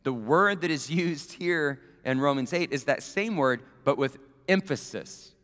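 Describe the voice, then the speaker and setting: A man preaching a sermon as pastor, emphatic, swelling to loud peaks and falling to near-quiet. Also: on the high side, lively intonation, measured pace. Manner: emphatic, building to loud peaks then dropping soft. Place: church sanctuary. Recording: long hall reverb.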